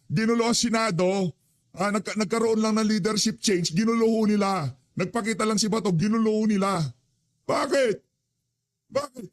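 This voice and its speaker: A man's voice: sits high, fairly even intonation, moderate pace. Angry ranting commentator man. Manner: angry, scolding, curses. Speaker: news commentator.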